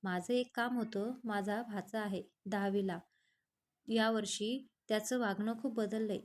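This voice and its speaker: A woman's voice: mid-range voice, fairly even intonation, a little slow, lightly acted. A woman voicing a chatty young man who teases his friend, in a read-aloud storybook. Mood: earnest. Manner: teasing, chatty. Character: young man, lovestruck, pushy, joking friend.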